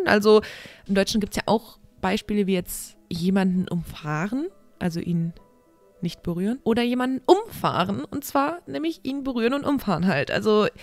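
A woman hosting a podcast reads through a researched script in a voice of middling pitch. She keeps stopping for frank, self-deprecating asides to her listeners, and faint music runs underneath. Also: darkish tone. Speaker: podcast host.

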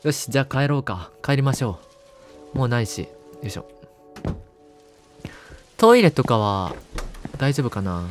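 A man's voice: mid-range voice, animated, moderate pace, pauses often, soft background music. A man streaming a horror game, muttering to himself with startled outbursts.

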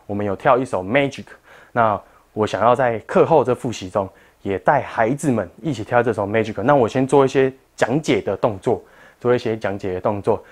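A man with a Taiwanese Mandarin accent leads a parent-child exercise class, patiently walking parents through each move. His voice is fairly low and he talks a little fast.

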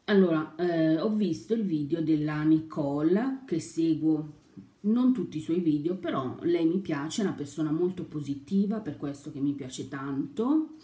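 Chatty young woman, low dark voice, echoey room. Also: animated, normal speed. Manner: chatty, rambling, talking while eating. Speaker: YouTuber. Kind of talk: casual breakfast chat vlog.

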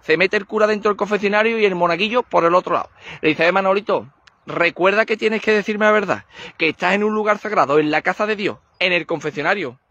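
A man's voice: high voice, quick pace, no room sound, dull audio. A man telling jokes and switching voices for the characters. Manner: animated storyteller switching voices. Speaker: joke teller.

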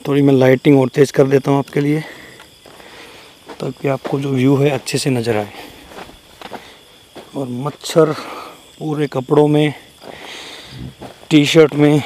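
A man's voice: mid-range voice, darkish tone, a little hiss or hum. A young man hosting a night-time paranormal vlog outdoors, talking casually to his viewers through a handheld camera mic and grumbling about mosquitoes. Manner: addresses viewers as friends, complains about mosquitoes. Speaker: paranormal vlogger. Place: outdoors at night in a rural wooded area. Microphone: camera-mounted mic, camera held in hand.

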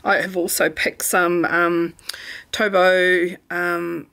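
Kiwi woman with a gravelly low voice. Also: slow. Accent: New Zealand. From New Zealand. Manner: chatty, relaxed, many ums. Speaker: planner vlogger. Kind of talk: casual craft chat. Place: home room.

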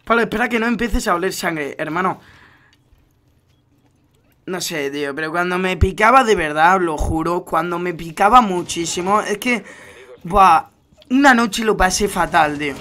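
A young man with a Spanish accent from Spain, chatting casually while streaming a game, slangy and animated when he tells a story. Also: high voice, moderate pace. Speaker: gaming streamer. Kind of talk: casual gaming stream chat.

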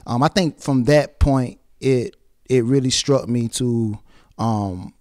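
Speaking slowly in a mid-range, darkish voice, this young man is a rapper and actor from Atlanta's South Side, appearing as an interview guest. He keeps it casual and loose, leaning on "you know what I'm saying" as he talks into a handheld mic, and the studio-quality sound has no echo.

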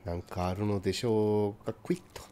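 A man's voice: on the low side, fairly even intonation, a little fast, noisy background. A man hosting a game let's play, teasing and bossing his co-host in casual chat on a close mic. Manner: teasing, bossy banter.

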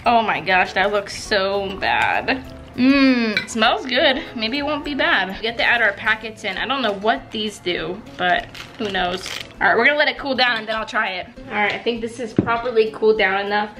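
A woman vlogger chatting casually through a cooking and eating challenge, reacting with lively exclamations. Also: a little high, moderate pace, music in the background. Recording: roomy echo, faint noise.

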